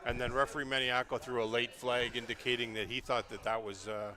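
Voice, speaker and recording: Over a noisy crowd, a man delivers brisk color commentary in a flat, mid-range voice. Speaking live from an outdoor stadium's press booth, he's loose, chatty and opinionated, with plenty of fillers.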